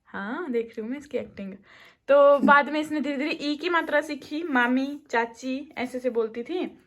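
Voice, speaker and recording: A young woman with a slightly high voice chats casually at home for her vlog. She talks straight to viewers and keeps coaxing her toddler, her phone close by. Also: moderate pace. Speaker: vlogger and mother. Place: at home and in a car.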